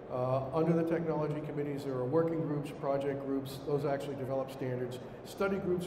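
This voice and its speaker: Filling in for a director, a middle-aged man with a Brooklyn accent delivers a formal slide presentation, haltingly, to a seated audience in an indoor conference room. His mid-range voice goes through a podium mic he later holds in his hand, and the hall is echoey with noisy room ambience.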